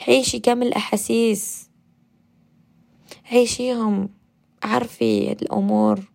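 A woman with an Algerian Arabic accent, a radio host leading a guided meditation and self-affirmation talk, gentle and coaxing. She repeats affirmations and sometimes drops to a soft whisper. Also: a little high, fairly even intonation, moderate pace, vocal fry.

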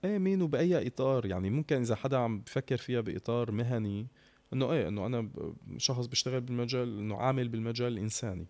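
A man's voice: medium pitch, very fast, a little mellow. A man from Syria with a Syrian Arabic accent, talking casually and reflectively as an interview guest, dropping in English words.

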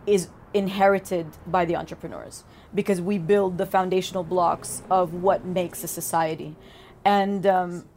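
A woman's voice: fairly low pitch, steady tone, unhurried, a little mellow, a little hiss or hum. A woman hosting a podcast, speaking earnestly and reflectively in casual chat, with hesitations and fillers. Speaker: podcast host.

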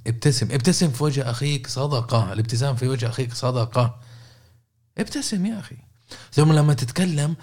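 A man's voice: medium pitch, a little mellow. A man giving a casual coaching talk, repeating words and checking in with listeners by asking questions. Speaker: podcast host and coach.

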